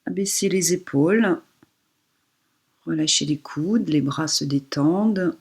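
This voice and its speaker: A woman leads a relaxation meditation as a yoga instructor, using a low, soft, breathy voice. Her soothing guidance comes slowly, with pauses along the way.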